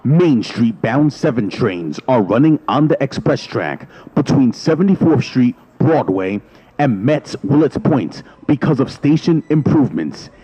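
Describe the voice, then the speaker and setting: A man's voice: medium pitch, animated, measured pace, husky, dull audio. Man's announcement of spliced-together words. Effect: spliced-together recorded words. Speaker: station announcer. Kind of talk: automated transit announcement.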